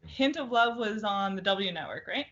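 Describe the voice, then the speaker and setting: A woman's voice: medium pitch, animated, normal speed, fairly bright tone, lo-fi sound. A woman hosting a casual interview over a video call, friendly and encouraging with short questions. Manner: friendly, encouraging, brief responses. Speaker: interviewer, host. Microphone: video call from home.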